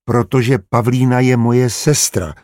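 A man voicing a quick-tempered grown brother and father who speaks curtly and firmly. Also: medium pitch, lively intonation, breathy edge, no room sound, studio quality. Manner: curt, firm.

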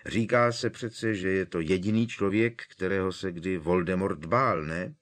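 A man's voice: low voice, a bit bright. A man voicing an earnest, polite teenage boy wizard who argues his point persuasively.

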